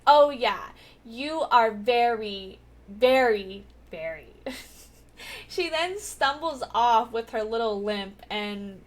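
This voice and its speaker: A young woman casually recapping a TV episode, chatty and giggly, with lots of filler words. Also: medium pitch. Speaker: TV recap vlogger.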